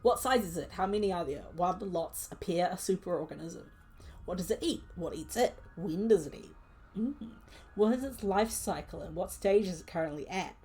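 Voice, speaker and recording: A woman's voice: on the low side, moderate pace, mellow, faint music behind. A young woman streaming a solo tabletop game, reading prompt lists aloud and musing at length with many fillers.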